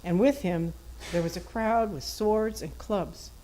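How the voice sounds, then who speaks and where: A woman's voice: mid-range voice, unhurried, dark tone, a little hiss or hum, poor audio. A woman reading a gospel passage formally as a church reader. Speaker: scripture reader at a Good Friday service.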